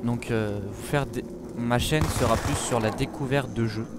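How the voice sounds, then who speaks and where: Teen guy from france rambling about his gaming channel, lots of uhs, mid pitch, game gunfire blasting behind. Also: fairly even intonation, measured pace, heavy background noise. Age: late teens. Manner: hesitant, many fillers and self-corrections. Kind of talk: casual gaming vlog talk. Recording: loud gunfire from game audio. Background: zombie shooter game sounds.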